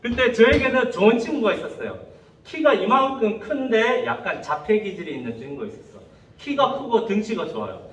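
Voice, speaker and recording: A man preaching a sermon to young people as pastor, telling stories with lively quoted voices. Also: high-pitched, a little fast, muffled recording, a little hiss or hum. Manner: animated storytelling, acting out quoted voices. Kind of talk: sermon to youth. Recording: echoey room, voice from a distance.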